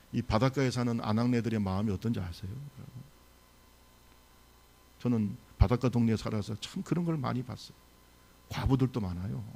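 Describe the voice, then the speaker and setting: A man's voice: medium pitch, gravelly, a little mellow. A male pastor preaching a sermon in a church service, telling a story with animation and putting questions to the congregation.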